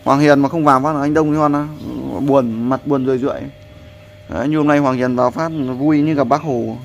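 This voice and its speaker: A man hosts a countryside vlog in a loose, rambling way, repeating himself as he coaches a friend at the cooking. His voice sits at an ordinary middle pitch. A faint hiss runs under the outdoor recording. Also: steady tone, brisk, muffled recording. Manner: rambling, repeats "there" often, coaching someone. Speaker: vlogger. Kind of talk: casual vlog narration and instructions.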